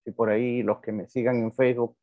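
A man's voice: mid-range voice, little pitch movement, a little fast, no room sound. A male psychotherapist answering interview questions in a frank, reflective way, repeating words for emphasis. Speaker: psychotherapist guest. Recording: dry, dull lo-fi sound.

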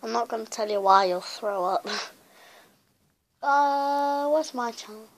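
A woman's voice: a little high, a little slow. A woman YouTuber chatting casually in a rambling, self-mocking way as she looks back at her old videos. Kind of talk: casual vlog commentary.

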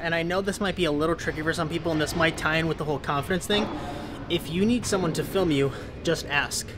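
Loud music plays behind a young man whose voice sits a little high and who talks fast. He's a fitness video creator shooting a casual how-to in a large indoor gym, chatting through each step to a camera close up on a tripod.

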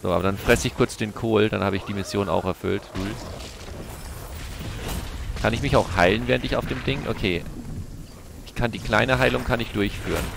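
A man's voice: lowish voice, moderate pace, vocal fry, long pauses, noisy background. A man commentating his own video game play, chatting to himself and his viewers with frequent exclamations and curses. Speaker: gaming YouTuber.

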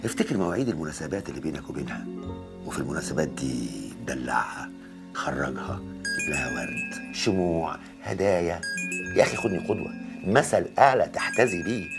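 A man's voice: very deep voice, very animated, quick pace, full character voice. A smug lecturing father. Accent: Egyptian Arabic. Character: older father, smug romantic advisor, scolding. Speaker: father giving advice. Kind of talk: Egyptian film comedy. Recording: film soundtrack with music.

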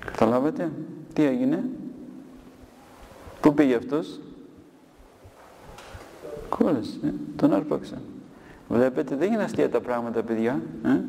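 A man's voice: mid-range voice, long pauses, dark tone. A monk priest giving a sermon to children, telling a story and often asking his listeners questions. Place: monastery hall. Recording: long hall reverb with faint ambient noise.

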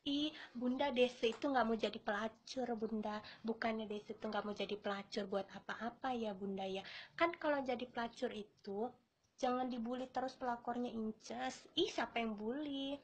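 A woman's voice: fairly high pitch, fairly even intonation, moderate pace, slightly rough. A woman chatting on a live stream from her phone, brash, crude and rambling in slangy talk. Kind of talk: casual live-stream chat.

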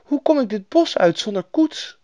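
A man voicing a brave little girl, pitched high and bright, in a fairy-tale reading. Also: expressive, moderate pace, no echo. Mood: eager.

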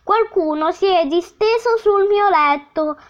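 A woman's voice: very high voice, measured pace, voice pushed up. A woman voicing a big father bear who grumbles and growls, on a dull lo-fi recording. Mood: grumbling.

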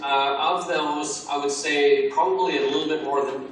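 A man's voice: a little high, steady tone, moderate pace, a little hiss or hum. Earnest man on an echoey call. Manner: earnest, rambling with restarts. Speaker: Alpha course trainer, interviewee. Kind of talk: call interview. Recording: echoey distant call audio.

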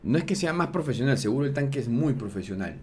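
A man's voice: mid-range voice, animated, fast, slightly rough. A man, hosting a sports talk show, explaining things in a loose, slangy way full of fillers. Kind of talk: casual analysis chat.

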